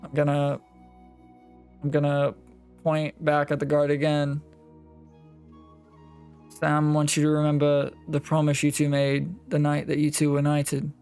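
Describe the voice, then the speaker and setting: A man takes part in a tabletop game, talking casually and steering the group. His voice is crisp with a crackly fry and stays quite even in pitch, over faint music. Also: a little slow, long pauses. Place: online voice call. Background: background music.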